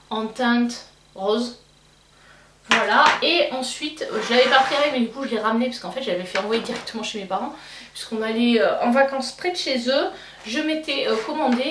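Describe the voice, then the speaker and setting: A young Belgian woman with a Belgian French accent, chatting casually as a beauty vlogger and pausing often with fillers and restarts. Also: a little high, fairly bright tone. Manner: hesitant, many fillers and restarts. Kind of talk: casual chat. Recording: roomy, slightly distant mic, faint noise.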